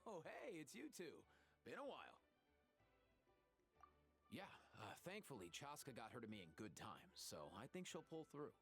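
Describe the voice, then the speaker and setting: A man's voice: medium pitch, wildly swooping pitch, moderate pace, long pauses, fairly bright tone, faint music behind. An actor playing a weary, friendly male healer in game dialogue, talking easily with sighing exasperation.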